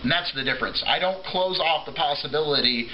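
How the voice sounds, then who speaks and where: A man with a very bright, forceful voice rants off the cuff like a tipsy video blogger. He rambles, breaks off, restarts and swears freely. There is a faint layer of background noise on the recording. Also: a little high, brisk, poor audio. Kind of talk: rambling off-the-cuff opinion rant to camera.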